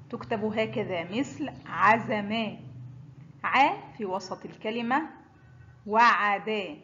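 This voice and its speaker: A woman teaching the Arabic alphabet, saying each letter and example word slowly and distinctly. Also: on the high side, fairly bright tone, muffled recording. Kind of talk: slow, deliberate pronunciation lesson.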